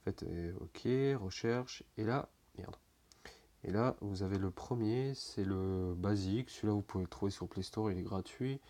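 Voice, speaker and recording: Young man, low voice, casual tutorial talk, rambling, filler-heavy, offhand swearing. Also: moderate pace, mellow. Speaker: tutorial maker. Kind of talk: casual screen-recording tutorial.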